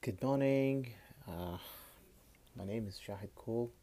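A Kashmiri-accented podcast host in his late twenties speaks in a mid-range, dark-toned voice, captured on a phone. His casual personal monologue is halting, with frequent repeated words.

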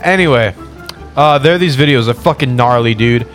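A man's voice: medium pitch, brisk, fairly bright tone, faint music behind. A young man chatting casually with friends, blunt and sweary, peppering his talk with bro slang. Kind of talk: casual chat among friends.

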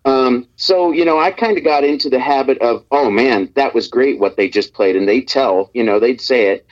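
A man from Nebraska talks at normal speed in a medium-pitched voice as a speakerphone guest on a radio show. His chat is easygoing and rambling, full of fillers and restarts, and the line sounds dull and muffled.

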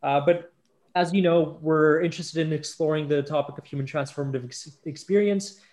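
Guy hosting a podcast, kinda high voice, lots of uhs and restarts. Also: steady tone, normal speed, darkish tone. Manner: hesitant, many fillers and restarts. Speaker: podcast host. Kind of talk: casual podcast interview.

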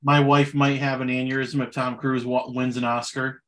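A man co-hosting a podcast, chatting casually about movies in a relaxed way with loose fillers. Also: medium pitch, moderate pace. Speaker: podcast co-host.

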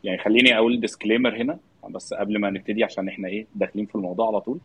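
A man with an Egyptian accent hosting a live online interview in a casual, effusively polite, informal way, with a husky voice. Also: fairly low pitch, steady tone, very fast, fairly bright tone, no echo. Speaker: podcast host welcoming a guest.

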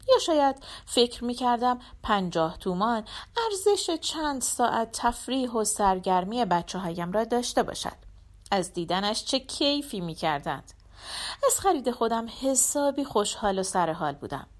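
A woman reads a first-person short story aloud with a reflective, expressive touch. Her voice sits a bit high and moves through lively rises and falls of pitch as she narrates. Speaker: audiobook narrator.

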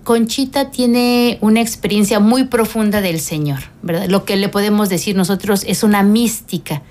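A middle-aged religious sister speaks as a guest on a radio program, calm and unhurried. She explains at length and fills her pauses now and then. Her voice sits at an ordinary pitch for a woman. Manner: calm, explanatory, frequent fillers. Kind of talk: radio interview.

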